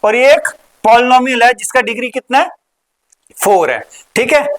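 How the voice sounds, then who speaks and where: A woman's voice: on the high side, expressive, low-quality recording. Patient woman teaching maths, repeating terms. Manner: asks questions and answers them, repeats key words, mixes in English terms; slows and drags out key terms. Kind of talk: recorded classroom lesson.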